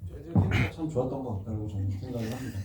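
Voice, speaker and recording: An actor speaking modestly and with self-deprecation on stage after a screening. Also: male voice, mid-range voice, very fast, very noisy. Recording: echoey hall, distant mic.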